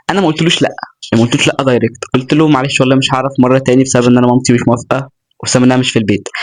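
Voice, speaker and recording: A young man with an Egyptian accent giving casual motivational talk to camera, earnest and chatty, with joking asides. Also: medium pitch. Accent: Egyptian Arabic. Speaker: self-improvement vlogger.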